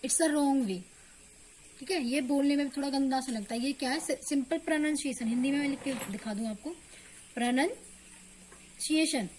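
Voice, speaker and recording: A woman's voice: high-pitched, brisk, darkish tone, a little hiss or hum. A woman teaching English pronunciation in Hindi with an Indian accent, patiently checking that her students follow. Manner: patient, keeps asking "clear?" to check understanding. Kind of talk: online spoken-English lesson.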